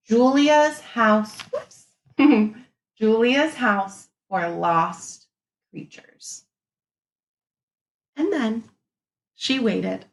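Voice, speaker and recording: This is a teacher, a woman, reading aloud from a picture book for small children, deliberate and expressive, pausing to reflect out loud. Her voice is a little high, and the room is reverberant.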